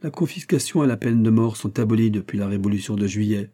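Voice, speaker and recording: A man's voice: fairly low pitch, fast talker, dark tone, natural voice. A man reading the part of a sly, self-satisfied rich host in an audiobook. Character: rich, drunk older male host, sly.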